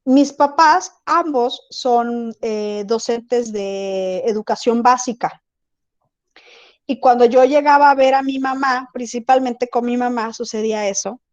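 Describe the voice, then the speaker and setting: Teacher on a muffled video call. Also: female voice, on the high side, unhurried. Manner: conversational, asks students if they follow. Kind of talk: online class lecture.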